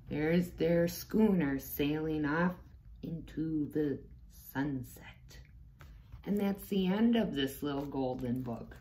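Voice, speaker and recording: Her voice sits low and a little mellow as she reads a storybook to young kids with plenty of expression and brief asides to explain things. It's recorded in an echoey space with faint background noise.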